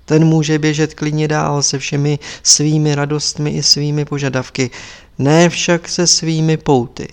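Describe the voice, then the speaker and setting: A man's voice: on the high side, little pitch movement, clean tone, lightly acted. A man reading as a probing old abbot. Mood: measured. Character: questioning elderly male abbot. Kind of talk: audiobook character reading.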